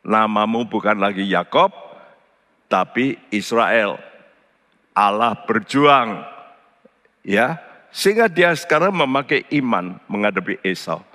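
A male pastor preaching a sermon, slow and deliberate, leaping into high animated voices when he tells stories. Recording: long hall reverb.

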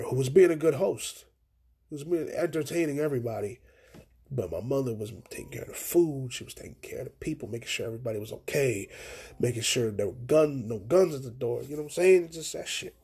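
A young man hosts his own podcast, talking through a story in loose, profane slang. His voice has a gravelly fry and a deeply husky, raspy texture. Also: mellow. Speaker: podcast host. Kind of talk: casual solo podcast chat.

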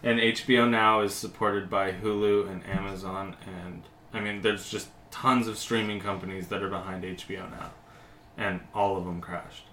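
A man's voice: low-pitched, flat delivery, normal speed, fairly bright tone, slight background noise. A man hosting a casual podcast, talking loosely and laughing often. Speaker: podcast host. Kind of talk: casual chat.

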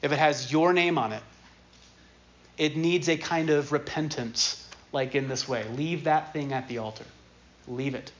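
A man's voice: on the high side, moderate pace. A man preaching a sermon in a casual, conversational way, repeating key phrases for emphasis. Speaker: pastor. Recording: dull lo-fi sermon recording.

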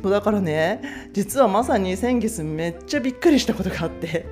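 A woman's voice: mid-range voice, lively intonation, fairly quick, darkish tone, soft background music. A woman from Japan, hosting in a chatty, casual storytelling style, with many fillers. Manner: chatty, lots of fillers, acts out quotes. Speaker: host.

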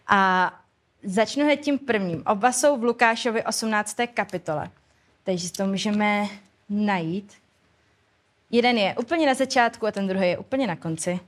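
A woman preaching an informal sermon at a church service and leading a prayer, speaking conversationally with many hesitations and colloquial phrasing. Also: mid-range voice.

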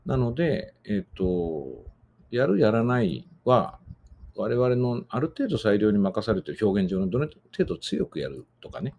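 Gravelly, lively-pitched man explaining rules. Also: a little slow, slight background noise. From Japan. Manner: thoughtful, many fillers, explains rules patiently. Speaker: voice teacher and podcast host. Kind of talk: explanatory podcast lecture.

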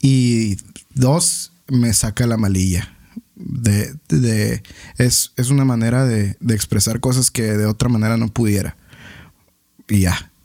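A man hosting a podcast, talking in a relaxed, easygoing way. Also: medium pitch, unhurried, vocal fry. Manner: relaxed, easygoing, with frequent backchannels. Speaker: podcast host. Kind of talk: casual podcast chat.

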